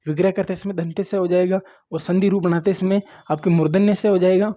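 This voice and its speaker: Mellow-voiced grammar teacher, man. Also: high-pitched, fairly even intonation, a little fast. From Rajasthan. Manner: repeats "देखो" and "ठीक है", coaxing and plain. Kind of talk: classroom lecture at a board.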